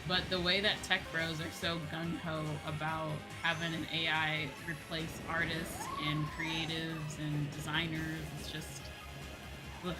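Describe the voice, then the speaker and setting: Her voice is deep, with little pitch movement and a measured pace, captured in poor audio. She's a VTuber host chatting casually on a gaming livestream, forceful in her opinions and swearing freely, while video game music plays.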